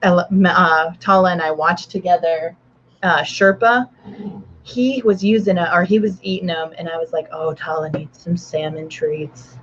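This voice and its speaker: A woman's voice: on the low side, steady tone, moderate pace, fairly bright tone, a little hiss or hum. Chatty woman on a lo-fi call. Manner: chatty, rambling with restarts and baby-talk to her dog. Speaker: author hosting a writing stream. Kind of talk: casual chat. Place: at home.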